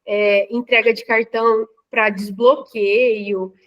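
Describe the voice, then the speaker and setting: A woman's voice: on the high side, level tone, slow, lo-fi sound. A Brazilian woman talking casually in a lecture discussion, hesitant, with many fillers and restarts. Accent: Brazilian Portuguese.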